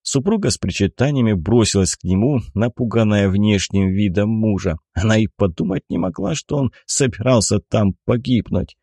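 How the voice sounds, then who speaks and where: A man reading an adventure audiobook in an even storytelling manner. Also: on the low side, moderate pace, gravelly, few pauses, slightly rough, dry recording, studio quality. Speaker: audiobook narrator. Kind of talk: scripted narration.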